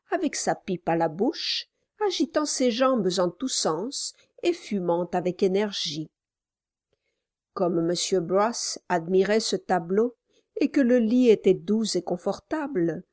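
A woman reads an audiobook in a measured, even storytelling style, narrating from a script. Her voice is mid-range, and the recording is dry with clean studio sound.

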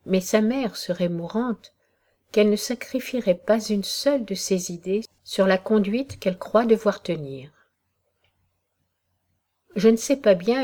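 A woman narrates a classic novel in the first person with a measured, expressive reading. Her voice is mellow and dark-toned, at a middle pitch for a woman. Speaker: audiobook narrator.

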